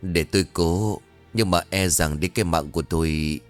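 A man's voice: low-pitched, normal speed, faint music behind, voice pushed down, lightly acted. A man playing an old, resolute spirit medium woman. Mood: grave.

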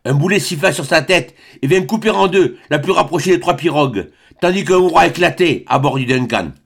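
A man reading an adventure novel aloud as an audiobook, with dramatic, expressive narration. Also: fairly high pitch, fairly quick, creaky, breathy edge. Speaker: audiobook reader. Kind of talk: scripted narration.

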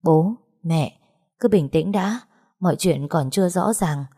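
A composed young village teacher speaks in a low, warm, steady voice, as a woman narrator reads her. She is calming and patient. It is audiobook storytelling. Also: unhurried, breathy edge.

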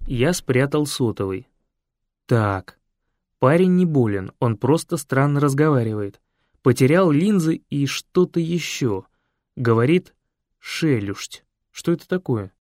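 A man reads a funny first-person tale with lively comic timing, his mid-pitched voice sitting close and dry with no room echo. The telling is brisk and narrative, built for the punchlines. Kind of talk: humorous story narration.

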